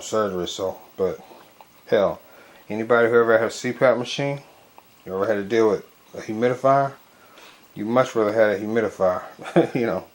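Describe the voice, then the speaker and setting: A man talking casually and haltingly in a home product review, with a stuffy nose as if packed with gauze. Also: on the low side. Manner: loose, colloquial, halting with frequent verbal tics. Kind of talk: casual rambling video review. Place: bedroom at home. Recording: noisy home recording, clear background noise.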